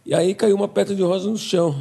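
Fast-talking man telling stories. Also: high voice, vocal fry. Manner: animated, acts out quoted dialogue. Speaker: podcast guest. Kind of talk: casual storytelling.

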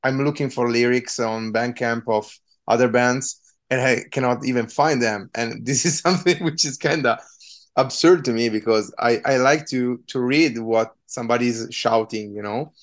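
An Italian man in his thirties, a punk musician from Italy, answers interview questions casually and hesitantly, using lots of fillers. He speaks at a moderate pace with a medium-pitched voice and an Italian accent.

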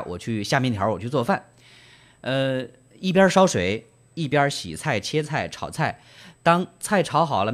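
A man hosting a book club, explaining and retelling in trained standard Mandarin with frequent fillers and questions to the listener. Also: medium pitch. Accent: standard Mandarin, broadcast-trained. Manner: gentle storyteller, asks listeners rhetorical questions. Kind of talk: book reading and discussion.

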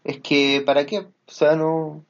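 A man's voice: a little high, little pitch movement, unhurried, dull audio. A man in a casual chat, talking hesitantly with many fillers as he explains things.

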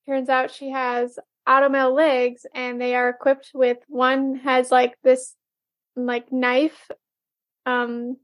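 A woman's voice: high-pitched, completely flat delivery, slow pace, no room sound. A woman co-hosting a podcast, recapping an episode casually and hesitantly, with many fillers. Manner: hesitant, full of "um" and "like". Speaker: podcast co-host.

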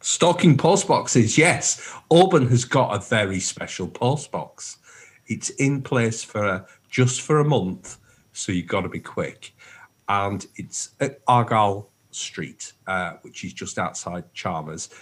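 A man's voice: lowish voice, lively intonation, slow pace, husky. A man co-hosting a radio show, chatting casually and enthusiastically. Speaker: radio co-host.

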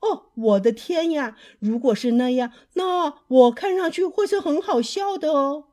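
A kind storybook mother bear speaks in a gentle, cooing voice, as a woman reading aloud puts her on. Her lilt rises and falls. The voice sits a little high. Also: animated, measured pace. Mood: tender.

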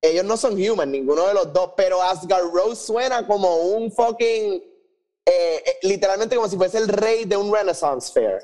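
Co-hosting a casual review podcast, a man with a Puerto Rican accent swears freely and drops English phrases into his Spanish. His voice sits high and a little mellow, with a moderate pace.

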